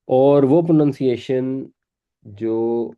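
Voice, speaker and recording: A man's voice: mid-range voice, clear, resonant tone, phone-quality sound. A man teaching a Quran class, patiently explaining pronunciation and repeating words for his students. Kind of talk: classroom lesson.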